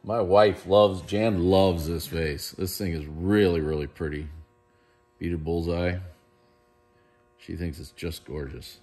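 A middle-aged man takes it slowly, his low-pitched, darkish voice holding a steady tone as he presents auction lots. He chats enthusiastically and praises the pieces on this casual walkthrough, filmed on a handheld camera in a large warehouse room.

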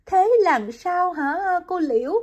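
A woman's voice: expressive, slow pace, a little mellow, exaggerated voice. A woman voicing a heartbroken young mother in an audiobook, speaking in a choked, pleading way. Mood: distraught. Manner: choked, pleading and high-pitched.

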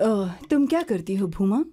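A woman's voice: medium pitch, animated, normal speed, warm tone, husky. A woman dubbing a nosy sister who mocks and scolds. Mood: mocking. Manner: mocking and scolding. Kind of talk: film dubbing.

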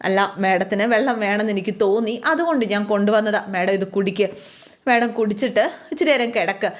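A woman voicing a humble young maid who speaks softly and politely to her employers. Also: mid-range voice, fairly quick, close to an everyday voice. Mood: gentle. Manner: soft, polite, deferential.

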